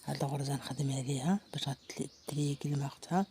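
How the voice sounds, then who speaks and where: A woman with a Moroccan Arabic accent talks quickly through an embroidery lesson in a relaxed, chatty way. She thinks aloud as she stitches and now and then drops into quiet murmurs to herself. A faint hum of room ambience sits behind her voice. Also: extremely low pitch. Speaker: embroidery teacher. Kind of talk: casual hands-on craft tutorial.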